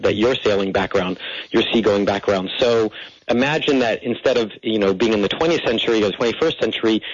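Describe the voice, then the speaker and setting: Low-voiced American man explaining eagerly. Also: no echo. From United States. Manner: enthusiastic explainer, frequent restarts. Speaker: linguist guest. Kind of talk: interview conversation. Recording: muffled radio broadcast.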